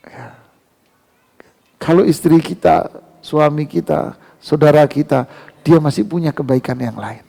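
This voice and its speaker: A man preaching a sermon in a mosque, animated, climbing loud on key words and slowing down to recite verses. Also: fairly high pitch, creaky.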